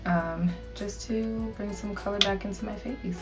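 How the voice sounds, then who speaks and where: A beauty vlogger, young and relaxed, does a get-ready-with-me tutorial while chatting informally and slangily straight to her viewers. Her mid-range voice is unhurried and fairly even, and background music plays under the distant-mic recording.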